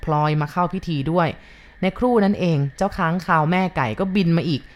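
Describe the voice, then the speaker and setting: A woman reading a ghost story aloud in a steady, unhurried storytelling manner. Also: on the low side.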